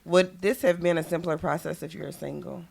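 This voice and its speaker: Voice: mid-range voice, steady tone, a little fast, creaky, a little mellow, husky. A podcast host asking questions in a casual, teasing, joking way. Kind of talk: casual chat.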